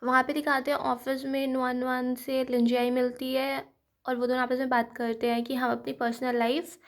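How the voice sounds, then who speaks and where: A woman with a notably high voice tells a TV drama's story in a relaxed, conversational recap. She voices the characters' lines lightly in her own tone rather than acting them out, and mixes English words into her speech. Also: moderate pace. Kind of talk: casual spoken story recap.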